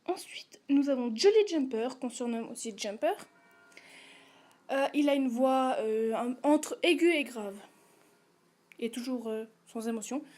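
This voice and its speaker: A woman's voice: on the high side, a little slow, a little mellow. A woman hosting a casual casting-call video, listing characters and their voices with hesitant fillers and asides. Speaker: channel host casting voice actors.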